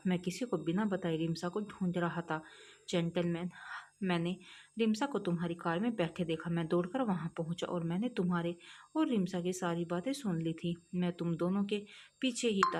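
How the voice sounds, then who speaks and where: An elderly father, dignified and deeply moved, speaking earnestly, as a woman narrator puts him on. The voice is slightly low and heavy with feeling. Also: darkish tone, close to an everyday voice. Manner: earnest, choked with emotion.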